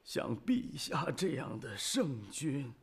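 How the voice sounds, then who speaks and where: A dying old general begging his emperor, husky breathy voice, slow, lil music behind. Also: mid-range voice, big pitch swings, full character voice. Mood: pleading. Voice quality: husky, weak, breaking into whispers. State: frail and dying. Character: dying loyal old general, humble and pleading. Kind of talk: historical TV drama acting.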